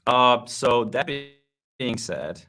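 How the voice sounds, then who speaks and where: A man's voice: medium pitch, expressive, sharp tone. A man co-presenting a developer webinar over a remote call, his audio choppy and buffering with stutters as he halts and restarts his words. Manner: halting, repeats words and restarts. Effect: choppy, buffering online-call audio with stutters. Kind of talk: casual tech presentation chat.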